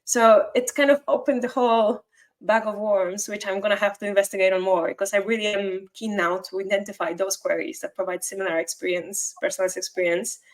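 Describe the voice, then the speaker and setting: Over poor audio, a woman with a Polish accent speaks briskly at medium pitch, keeping her intonation fairly even. She's a guest SEO consultant from Poland in a conversational interview, explaining at length fluently despite small grammar errors and restarts.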